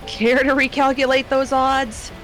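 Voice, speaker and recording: Woman voicing a fussing motherly woman, brisk, urgent, loud, story game, soft music. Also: high-pitched, flat delivery, pitched above the performer's own voice. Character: motherly adult woman fussing over kids.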